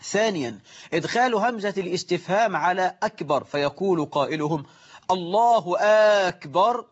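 Egyptian preacher with a dull recording. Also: male voice, high-pitched, husky. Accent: Egyptian Arabic. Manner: lively, mimics worshippers, scolds, slows to recite quotations. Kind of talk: religious lesson on prayer.

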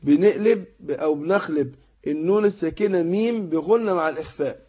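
A man's voice: a little high, mellow. A man with an Egyptian Arabic accent teaching Quran recitation rules in a tajweed lesson. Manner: explains rules in colloquial speech, then recites verses slowly in a drawn-out chant.

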